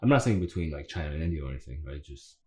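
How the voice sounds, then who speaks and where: Deep, mellow-voiced man hosting a podcast. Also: expressive, rapid-fire. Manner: rambling, hesitant, many fillers. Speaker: podcast host. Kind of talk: casual podcast chat.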